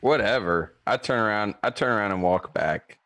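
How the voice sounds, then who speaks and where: A man's voice: fairly low pitch, lively intonation, normal speed, a bit bright. A man playing a tabletop game, chatting casually in a blunt, questioning way. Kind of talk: casual chat.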